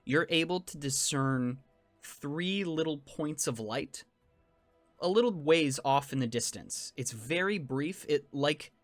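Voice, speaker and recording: A man narrating a tabletop fantasy game as game master, in measured, descriptive second-person storytelling. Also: medium pitch, dry recording. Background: faint music.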